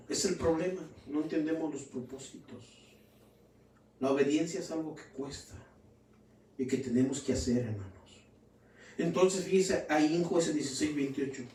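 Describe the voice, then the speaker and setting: A man's voice: a little high, mellow, slight background noise. A man preaching a fervent sermon in a church, often calling his listeners brothers. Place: church hall. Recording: roomy, distant from the mic.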